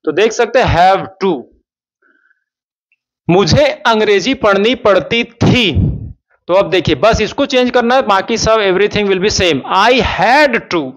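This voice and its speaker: High-voiced man teaching English. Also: animated. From India. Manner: slow, drawn-out English example sentences. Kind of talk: spoken English lesson in Hindi. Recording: dull lo-fi sound.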